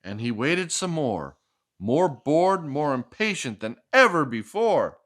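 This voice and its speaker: Reading a picture book to a child with lots of expression, this storytime host has a slightly high, sing-song voice that moves slowly and sounds fairly bright. He keeps it playful, tossing in chatty asides, asking questions and repeating back whatever the child answers.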